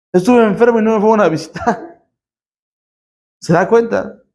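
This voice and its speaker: A man preaching a sermon to a congregation as pastor, emphatic, with rhetorical questions and call-and-response. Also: high voice. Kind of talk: sermon teaching.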